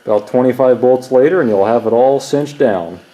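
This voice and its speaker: A man's voice: medium pitch, normal speed, warm tone. A man hosting casual shop talk and joking with a friend while he explains his machining work. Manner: joking, wisecracking. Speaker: channel host. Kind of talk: casual shop chat and commentary. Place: home workshop.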